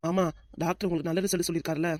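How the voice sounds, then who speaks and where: A woman voicing a calm adult son-in-law in a cartoon, reassuring the family in a soothing manner. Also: fairly low pitch, rapid-fire, dry recording, clean studio sound, voice pushed down, lightly acted. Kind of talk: cartoon voice acting.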